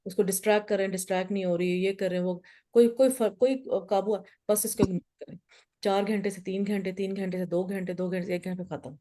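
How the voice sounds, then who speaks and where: A woman's voice: medium pitch, little pitch movement, dark tone. A middle-aged woman, hosting a casual group talk on parenting. She explains with personal stories and slips in English phrases.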